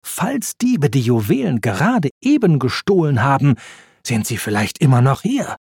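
A man voicing a clever, brave female spy car in a storybook, with a raised, lively voice. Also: medium pitch, moderate pace, breathy edge, no room sound, clean studio sound. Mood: determined. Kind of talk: storybook reading.

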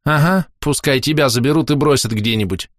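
A man's voice: medium pitch, a little fast, no echo, clean studio sound, voice pushed up, close to an everyday voice. A man playing a grumpy, sarcastic older brother, a peasant man complaining from his bunk. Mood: grumbling. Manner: grumbling, sarcastic.

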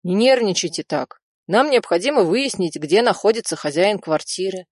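Woman doing a cold, sharp-voiced gang leader. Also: medium pitch, expressive, normal speed, no echo, clean studio sound, natural voice. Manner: sharp, coolly polite.

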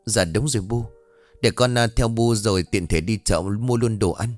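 A man's voice: on the low side, normal speed, soft background music, lightly acted. A man voicing a meek young wife who stammers and pleads with her mother-in-law. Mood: pleading.

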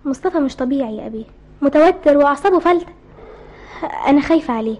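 A worried egyptian girl in a radio play, high voice, rattles on super fast. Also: lively intonation, darkish tone. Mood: coaxing, worried. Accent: Egyptian Arabic. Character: affectionate young woman worried for her brother. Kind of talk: radio drama acting.

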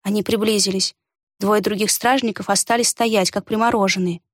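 A woman narrating a fantasy story in an even storytelling delivery. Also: mid-range voice, fairly quick, dry recording, studio quality. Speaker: audiobook narrator. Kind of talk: scripted narration.

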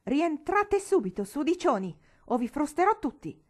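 A woman voicing a furious, bullying middle-aged gentleman who shouts harshly in an audiobook. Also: fairly high pitch, fairly quick, pitched above the performer's own voice, close to an everyday voice.

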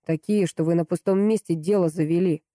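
A woman's voice: lowish voice, steady tone, fairly quick, mellow, no echo, studio quality, close to an everyday voice. A woman doing a growling, domineering boss. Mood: stern. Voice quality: growling, gruff. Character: angry blunt rich man, domineering boss.

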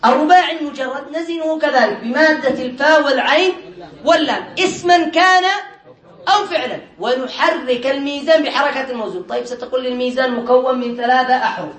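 A man with a high voice teaches grammar in a classroom lesson. He poses questions and supplies the answers himself, repeating key terms slowly and deliberately. His voice rings through a noticeably echoey room. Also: fairly bright tone. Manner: drills students by asking questions and answering them himself.

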